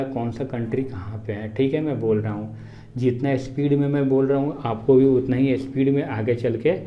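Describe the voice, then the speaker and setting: A man teaching geography for exams, reciting country names in drills and urging viewers to repeat after him. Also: mid-range voice. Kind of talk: exam-prep map lesson. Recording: echoey room, dull lo-fi sound, faint background hum.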